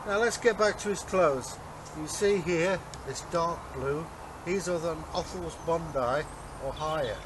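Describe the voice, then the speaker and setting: An older man with a fairly high voice explains things at a measured pace, casual and show-and-tell in style. He's a co-host and Viking re-enactor, recorded outdoors in a leafy garden by a camera a few metres off, with birds and distant traffic audible.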